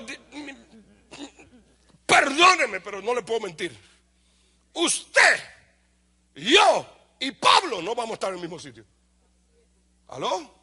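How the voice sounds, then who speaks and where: This husky-voiced pastor from the Dominican Republic speaks unhurriedly, with long pauses, in a Dominican Spanish accent. His lively sermon has him asking questions and answering them, shouting for emphasis and then dropping to a low aside in animated fashion.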